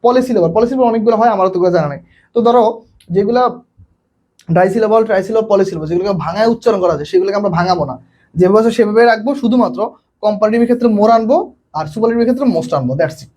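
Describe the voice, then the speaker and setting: Fast high-voiced Bangladeshi male tutor. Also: a little mellow. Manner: quizzing students, repeats questions often. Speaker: online English tutor. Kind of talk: live online class.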